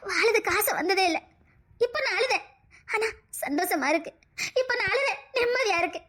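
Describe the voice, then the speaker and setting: A woman's voice: very high voice, brisk, fairly bright tone. A woman with a Tirunelveli Tamil accent playing a tearful, long-suffering wife who stays devoted to her husband. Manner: tearful, earnest, emotional. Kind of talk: family drama skit.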